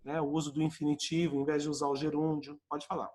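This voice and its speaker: High-voiced Brazilian man teaching. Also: fast talker. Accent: Brazilian Portuguese. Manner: lively explaining with acted-out example dialogues. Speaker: English teacher. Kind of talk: live online English lesson.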